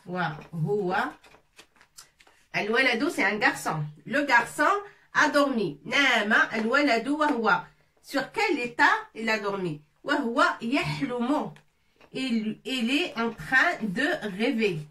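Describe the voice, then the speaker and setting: An Arabic teacher, a woman, gives a slow and patient French lesson on letters, drilling each syllable one at a time for her learners. Her voice sits fairly high, with lively intonation and a sharp tone. She was recorded from a distance in an echoey room, a bit off-mic, with faint noise.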